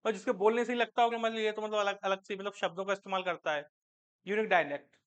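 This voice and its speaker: Male teacher, very high pitch, bright forceful tone, classroom lecture, quizzing students then answering himself. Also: steady tone, fast talker, clear, resonant tone. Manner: asks students questions and answers them himself; mixes English terms into Hindi.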